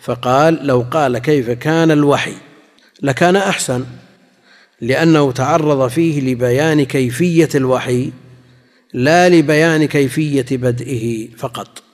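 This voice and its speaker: Man, religious scholar, measured lesson, repeats phrases, mid-pitched voice, long hall reverb. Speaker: Islamic scholar teaching hadith commentary.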